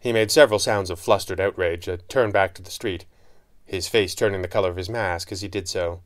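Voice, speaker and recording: A man giving steady scripted narration of an adventure story. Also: deep voice, brisk.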